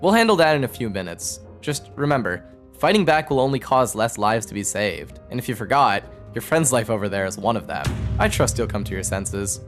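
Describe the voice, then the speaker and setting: A smug schemer, played by a man talks with a lively, rising-and-falling voice, coaxing and reassuring in a storybook adventure. Soft music sits faintly behind him. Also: on the low side, brisk, natural voice. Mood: smooth persuasive. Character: smooth-talking manipulative young man. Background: faint background music.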